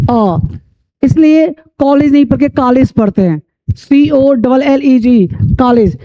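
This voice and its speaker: A man teaching English pronunciation, repeating rules and spelling letters out slowly. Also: very high voice. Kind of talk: classroom-style lesson. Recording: dull lo-fi sound.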